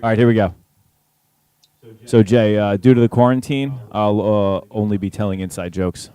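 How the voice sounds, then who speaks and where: A man's voice: lowish voice, fairly even intonation, moderate pace, dark tone, smooth. A young man co-hosting a podcast in casual chat, laid-back and peppering his talk with "like" and "dude". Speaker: podcast co-host.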